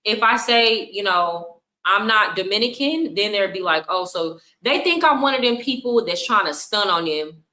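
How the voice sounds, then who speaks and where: A woman's voice: medium pitch, expressive, moderate pace, few pauses, pushed and bright, echoey room, low-quality recording. A young woman, streaming and commenting bluntly on clips in casual talk. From United States. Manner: blunt, scolding, talks over clips.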